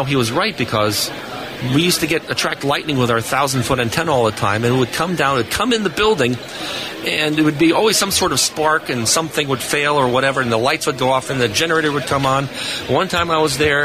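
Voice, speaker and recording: An older man with a mid-range voice talks fast as he co-hosts a live radio show from a booth on a noisy convention floor. In casual chat, he tells jokey stories and explains radio lore.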